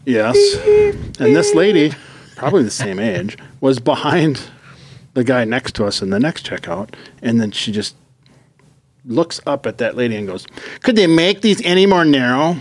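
A man's voice: medium pitch, normal speed, husky. Exasperated man ranting in a story. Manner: swearing, exasperated, animated storytelling. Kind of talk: casual storytelling rant.

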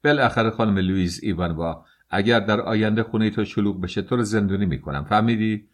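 Male reader as a bullying police officer, deep, harsh storybook scolding. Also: close to an everyday voice.

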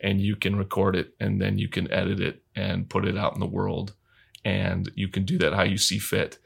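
Low gravelly-voiced man, flat delivery. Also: moderate pace. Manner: rambling, thoughtful, many fillers. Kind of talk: casual podcast chat.

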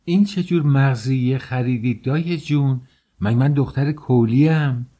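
A man voicing a proud, impatient young woman with a husky voice. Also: low-pitched, sing-song, heavily acted. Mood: indignant. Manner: impatient, sharp.

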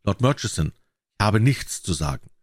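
A man's voice: fairly low pitch, big pitch swings, moderate pace, no room sound, clean studio sound. A man reading the lines of a proud, secretive young noblewoman in an audiobook story. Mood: guarded.

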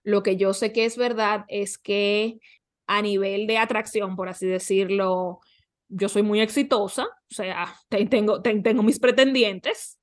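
A woman coach appears as a podcast guest, speaking at a medium pitch with fairly even intonation and a measured pace. She gives advice conversationally, often posing questions and answering them with examples.

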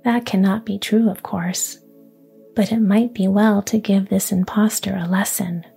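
A woman whispering the lines of a clever, commanding young princess in a fairy tale, hushed and sly. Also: mid-range voice, steady tone, measured pace, vocal fry, slightly rough, soft background music, full character voice.

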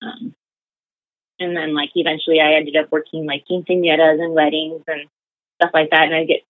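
Deep-voiced and level in tone, a young woman speaks at a moderate pace with no room sound on a tinny phone-like line. She's a guest in an interview, casually telling stories and rambling with many fillers such as "like" and "you know."

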